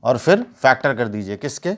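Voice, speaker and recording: At the whiteboard, a male math teacher speaks in an expressive mid-range voice at normal speed, with a slightly bright quality. He lays out the steps, throws in rhetorical questions, and uses English math terms along the way.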